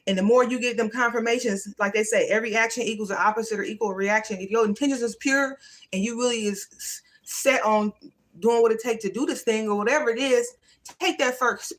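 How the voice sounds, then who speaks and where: A woman's voice: on the high side, fairly even intonation, a little fast. A woman hosting a livestream, giving a casual, emphatic motivational talk in a folksy, everyday way. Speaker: livestream host.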